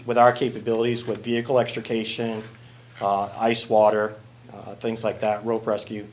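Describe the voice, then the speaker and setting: A man, a fire chief, presenting a request to a city council in a plain, halting way with many fillers. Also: on the low side, a little hiss or hum.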